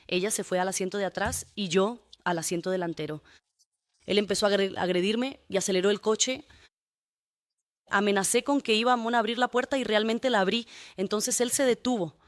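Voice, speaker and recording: A woman's voice: mid-range voice, dry recording. Woman on the stand in court telling her side step by step, keeps saying "you know", dead dry recording. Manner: long detailed account with frequent tag questions. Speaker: defendant testifying in court. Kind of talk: courtroom testimony.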